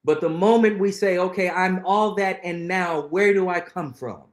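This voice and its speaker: In an echoey room, a middle-aged interview guest with a high voice talks at a moderate pace, sharing reflective stories earnestly and emphatically, frequently repeating phrases for weight.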